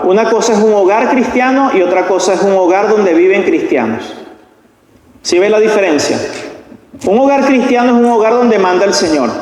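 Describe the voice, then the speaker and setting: Pastor guy preaching, highish voice, acts out couples yelling, big echoey church hall. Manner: acts out shouting quarrels in a high strained voice; asks the congregation frequent questions. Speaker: guest pastor. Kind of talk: sermon. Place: large church sanctuary.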